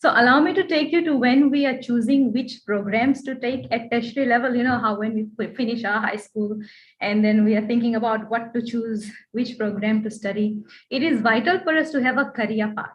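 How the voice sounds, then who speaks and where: A woman's voice: a little high, fairly quick. A woman with a Fijian accent giving a prepared presentation as a guest speaker, earnest and advisory. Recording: dull online call audio.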